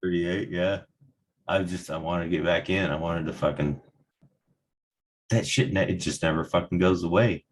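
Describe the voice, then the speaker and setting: A man's voice: deep voice, normal speed, pauses often. Profane, heated man on a veterans' podcast. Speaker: podcast host. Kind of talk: casual profane chat.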